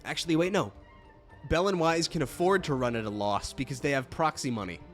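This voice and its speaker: A man's voice: fairly high pitch, brisk, soft background music. A young man hosting a let's play, chatting casually with lots of fillers and easy laughs. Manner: rambling, filler-heavy, laughs easily. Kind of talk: casual gaming commentary.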